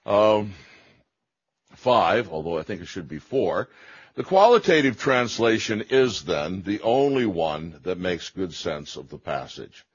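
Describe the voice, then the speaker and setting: A man's voice: fairly low pitch, husky, muffled recording. A man giving a theology lecture, explaining carefully, correcting himself and stressing key phrases.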